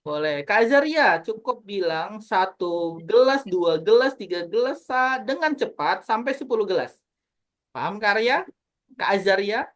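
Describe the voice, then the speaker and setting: A woman public speaking trainer teaching an online class, animated and always addressing her audience as friends, over a video call. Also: medium pitch, measured pace.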